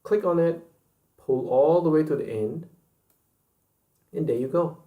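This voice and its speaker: Slow, patient man teaching a software lesson. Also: a little high, reverberant, narrow, tinny audio. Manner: slow and patient, repeating key points. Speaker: instructor. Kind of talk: screen-recorded software tutorial.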